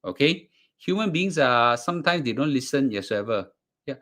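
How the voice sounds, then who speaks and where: This man's mid-range voice is animated and fairly bright as he gives a casual live class talk with a Singaporean accent. As the course presenter he stops and restarts, repeats words and leans on fillers.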